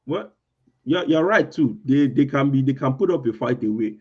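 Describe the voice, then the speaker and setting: A man hosting a casual football chat in a tinny voice with no bass, hesitant and full of fillers and restarts. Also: lively intonation, normal speed, slightly rough. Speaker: podcast host. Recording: thin lo-fi audio lacking bass.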